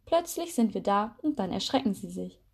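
A woman voicing a quiet little male spider friend in a storybook, explaining in a confident, slightly raised voice. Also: mid-range voice, very animated, moderate pace, gravelly, slightly rough, full character voice.

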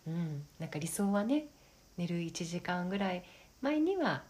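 A woman co-hosting a casual wellness podcast, speaking gently and haltingly, often checking for agreement. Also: on the low side, big pitch swings. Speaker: podcast co-host. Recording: noticeable background noise.

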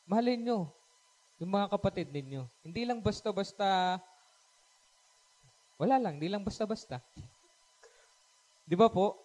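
A man preaching a Taglish sermon at a live-streamed church service, lively and acting out family quarrels while often asking the crowd for agreement. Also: sits high, measured pace, long pauses.

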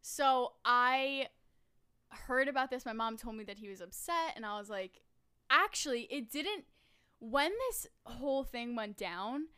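A young woman hosting a casual family podcast, chatty and quick to laugh. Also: a little high, animated, bright, forceful tone, clear, resonant tone. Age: young adult. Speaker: podcast host.

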